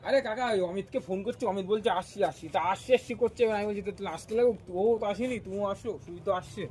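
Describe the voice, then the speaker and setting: A young man in a staged prank argument, first coaxing his friend to calm down, then indignantly protesting. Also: sits high, a little hiss or hum. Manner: pleading then indignant, rapid talk. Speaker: prank video maker.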